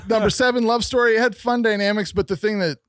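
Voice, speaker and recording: A man's voice: sits high, steady tone, fast, clean tone, no room sound, studio quality. A young man co-hosting a casual album review podcast, rambling with lots of "um" and "like" fillers. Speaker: podcast co-host.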